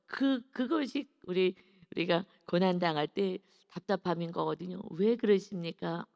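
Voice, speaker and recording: A woman's voice: fairly low pitch, lively intonation, moderate pace, gravelly, a little mellow, in a large hall. A woman pastor giving an early-morning sermon in a conversational preaching style, often acting out what people say. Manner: conversational preaching with acted quotes.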